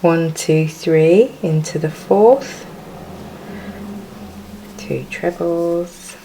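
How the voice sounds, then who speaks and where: A woman with a low, unhurried voice, talking through a crochet tutorial. She chats and giggles between stitch counts, easygoing and homely. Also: mellow, a little hiss or hum, low-quality recording.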